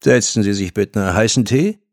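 A deep-voiced older director, fatherly and reserved, speaking with calm courtesy in an audiobook, as a male narrator voices him. The voice sits low, and the recording is close and dry. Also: moderate pace, dry recording, close to an everyday voice. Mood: polite.

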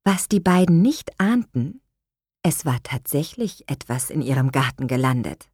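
A woman narrates a children's audiobook in a fairly low voice that still moves animatedly. She tells the story expressively and slows down for suspense. The studio sound is dry and close. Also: sing-song, a little mellow, husky, no room sound.

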